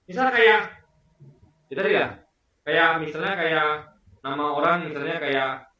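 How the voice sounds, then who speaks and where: A man's voice: on the high side, a little slow, sharp tone, very echoey, recorded from a distance. A man talking casually as a video commentator, rambling and repeating words while he searches for examples. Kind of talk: casual commentary on a debate clip.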